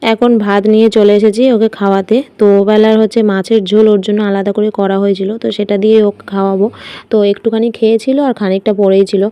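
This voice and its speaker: A woman's voice: medium pitch, little pitch movement, fast talker, mellow, smooth, no echo, highs cut off. A woman, a vlogger chatting through her daily routine in a casual voice-over.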